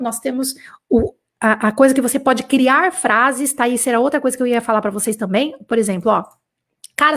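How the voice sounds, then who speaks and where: A young woman with a Brazilian accent and a high voice runs a live online French lesson. She talks in a loose, chatty way, heavy with fillers, and slips into blunt, exasperated bursts. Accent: Brazilian Portuguese. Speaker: French teacher.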